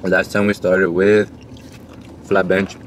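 A man's voice: deep voice, monotone, takes it slowly. A young man, chatting casually to camera as a fitness vlogger. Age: young adult. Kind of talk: casual vlog chat to camera. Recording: noisy vlog audio with ambient noise.

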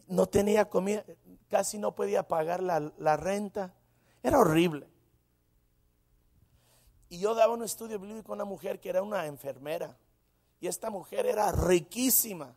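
Animated high-voiced preacher. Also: male voice, normal speed, vocal fry, pauses often. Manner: animated storytelling with frequent exclamations. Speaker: pastor. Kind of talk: sermon.

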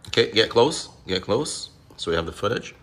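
Man, middle-aged, bright forceful voice, casual chat, father refereeing behind the camera. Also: lowish voice, big pitch swings, moderate pace. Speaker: father filming and refereeing a kids' challenge. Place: home dining room and kitchen. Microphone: behind the handheld camera.

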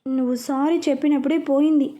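A woman's voice: sits high, fairly even intonation, fast talker, mellow, close to an everyday voice. A woman reading a story, voicing a pouting, stubborn young woman who is hurt and angry with her fiancé. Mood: sulky.

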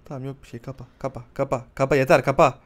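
A man's voice: medium pitch, steady tone, very fast. A man streaming live and reacting to horror shorts, talking back to the screen, cursing and yelping when startled.

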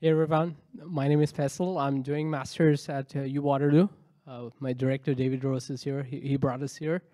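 A young man in his twenties, a graduate student founder, earnestly pitching his marketplace and repeating key points, on a handheld mic. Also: little pitch movement, fairly quick, dark tone, no room sound. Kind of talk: audience pitch.

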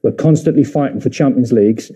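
A middle-aged man argues his case as a studio football pundit. He presses his points again and again. His voice is dark and husky. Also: medium pitch, fast talker. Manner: emphatic, repeats his points.

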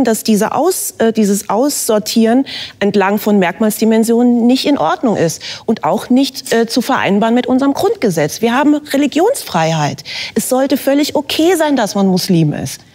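A woman's voice: mid-range voice, darkish tone. A woman arguing firmly and emphatically as a guest in a debate. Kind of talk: debate argument.

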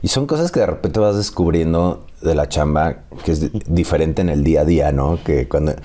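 A Mexican man in his thirties, an actor telling animated stories and laughing often in a casual interview. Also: very deep voice, fairly quick. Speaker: actor guest.

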